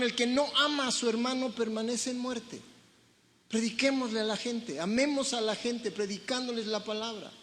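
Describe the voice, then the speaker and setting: A Mexican man preaching as a pastor, animated and joking, leading shouted call-and-response. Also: very high voice. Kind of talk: sermon. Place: church sanctuary. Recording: reverberant hall, faint noise.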